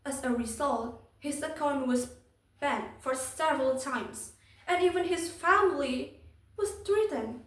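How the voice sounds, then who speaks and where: Young female speech contestant, Indonesian accent, high pitch, stiff rehearsed-by-heart delivery, echoey room. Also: a little slow, a bit bright. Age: young adult. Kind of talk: prepared competition speech. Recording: echoey room, distant microphone.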